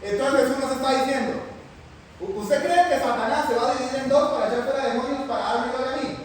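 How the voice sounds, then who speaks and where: A man teaching a Bible class in a lively way, often putting questions to the class. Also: extremely high pitch, quick pace. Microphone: far from the mic. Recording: echoey hall from far off, faint noise.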